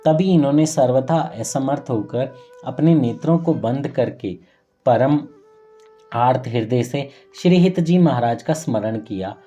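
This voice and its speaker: A man tells a saint's story in an earnest, reverent devotional voice, sometimes catching and correcting a word mid-phrase. His tone is deeply mellow and dark, with pitch in an ordinary middle range. Quiet music plays faintly underneath. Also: animated, unhurried. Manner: earnest, reverent retelling with occasional self-corrections.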